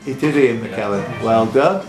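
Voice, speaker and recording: A man with a lowish voice takes his time as he hosts a live pub quiz, reading the questions and ribbing the contestants. The room is echoey, and music plays in the background.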